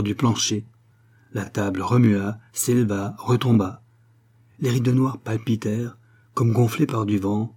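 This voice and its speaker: A man reading a literary short story aloud in measured narration. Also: on the low side, dark tone, slightly rough. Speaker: audiobook reader. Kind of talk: scripted narration.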